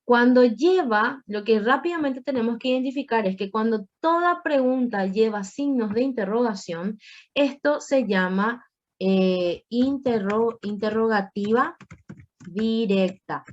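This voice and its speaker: A woman's voice: a little high, measured pace, muffled recording. A woman teaching a Spanish grammar class online, explaining patiently with playful asides to her students.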